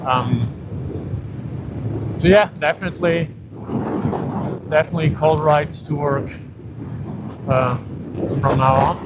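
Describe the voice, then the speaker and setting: A man vlogging casually and haltingly from inside a motorcycle helmet as he rides, with wind and engine noise. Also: a little high, steady tone. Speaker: motovlogger. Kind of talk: casual vlog talk while riding. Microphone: small wireless mic inside helmet.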